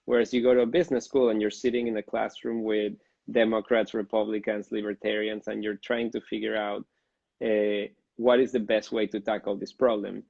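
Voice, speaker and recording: A man in his thirties from Venezuela, a fertility doctor answering interview questions in a thoughtful, measured way. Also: lowish voice, level tone, creaky, a little mellow, slightly rough, no room sound, lo-fi sound. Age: 30s. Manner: thoughtful, measured explaining with fillers.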